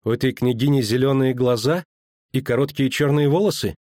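A man voicing a sharp-tongued, teasing young girl in an audiobook, lifting his voice higher. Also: animated, moderate pace, breathy edge, no room sound, clean studio sound. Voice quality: teasing, sulky.

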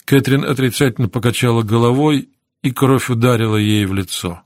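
A man narrating a novel as an audiobook in a measured, even reading on a close studio mic. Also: mid-range voice, dry recording. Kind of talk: scripted narration.

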